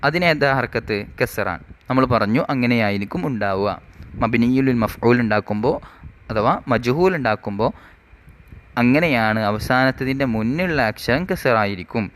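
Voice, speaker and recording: A man teaching an Arabic grammar lesson, reading rule text slowly and then explaining it, asking questions and answering them himself. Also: medium pitch, fairly bright tone.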